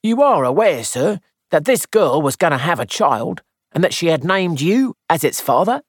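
A reader voicing a methodical police inspector, asking formal, measured questions. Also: medium pitch, very animated, dry recording, clean studio sound, voice pushed up. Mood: pressing.

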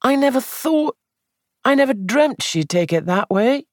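A reader voicing a distraught young man accused of murder, pleading in a high, shaky voice. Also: lively intonation, unhurried, no room sound. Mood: distressed. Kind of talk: audiobook character voice.

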